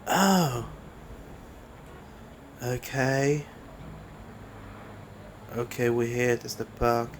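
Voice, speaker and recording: A man's voice: medium pitch, slight background noise. A man giving casual, rambling commentary on a video game playthrough and reminiscing as he plays. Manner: rambling, reminiscing, soft-spoken. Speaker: let's play commentator.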